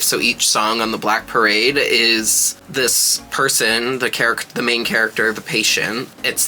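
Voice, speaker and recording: A man's voice: mid-range voice, sharp tone, a little hiss or hum, low-quality recording. A man talking like a sassy, gushing drag queen, giving casual, slangy reaction commentary.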